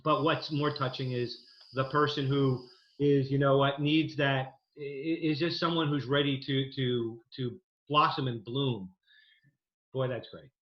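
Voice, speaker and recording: A man's voice: mid-range voice, fairly even intonation, unhurried. A man in his fifties from New Jersey, a dental program director, telling his story earnestly over a video call with many fillers. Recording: echoey, dull video-call audio.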